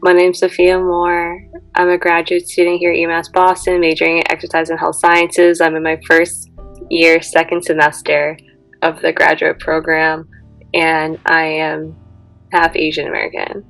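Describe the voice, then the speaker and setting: A woman's voice: sits low, monotone, normal speed, vocal fry, low-quality recording. A graduate student in her twenties chatting casually, with many "like"s. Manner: chatty, with lots of "like". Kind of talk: casual interview answer. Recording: dry close sound with soft guitar.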